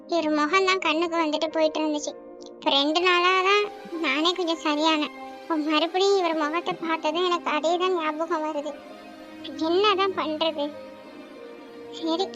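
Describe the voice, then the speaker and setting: A very high, bright-pitched young cartoon woman, soft and earnest, blaming herself more than anyone, as a woman acts her out. The audio is dull and lo-fi with faint music running under it. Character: young woman Tara, lively, now subdued and apologetic. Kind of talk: cartoon voice acting.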